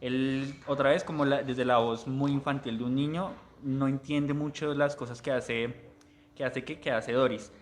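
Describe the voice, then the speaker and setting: A man's voice: medium pitch, fairly even intonation, a little slow, slight background noise. A man presenting a book at a literary café, talking in a hesitant way and often correcting himself. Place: public library.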